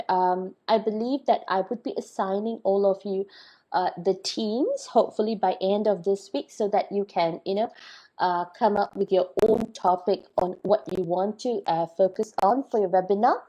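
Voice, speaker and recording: A hoarse woman lecturer with a Malaysian English accent, giving a recorded online lecture and checking in often with "all right" and "okay". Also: medium pitch, normal speed, mellow, muffled recording. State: hoarse, recovering. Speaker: university lecturer.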